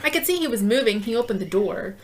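A woman's voice: fairly high pitch, lively intonation, quick pace. A young woman co-hosting a casual chat podcast, telling a story in a rambling way with lots of "like". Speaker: podcast co-host.

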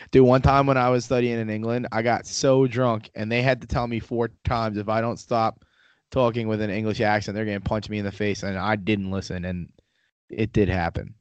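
A man's voice: fairly low pitch, little pitch movement, moderate pace, no echo, dull audio. A man co-hosting a podcast in casual chat, rambling and joking as he tells stories. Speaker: podcast co-host.

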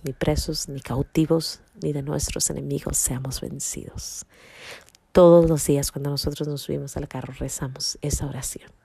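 A woman's voice: sits low, warm tone, no room sound. A woman hosting a podcast, telling a personal faith testimony with emotion and sometimes dropping to a whisper. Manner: emotional storytelling, drops to a whisper at tense moments. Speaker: podcast host.

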